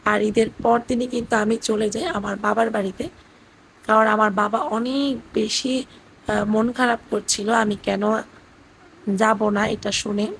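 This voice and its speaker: Hoarse woman in her thirties, gravelly, flat voice-over for a family vlog. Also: mid-range voice, a little hiss or hum, low-quality recording. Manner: gentle storytelling with fillers. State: hoarse, voice cracking. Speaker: vlogger narrating family trip. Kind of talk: voice-over narration. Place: indoors at her parents' house.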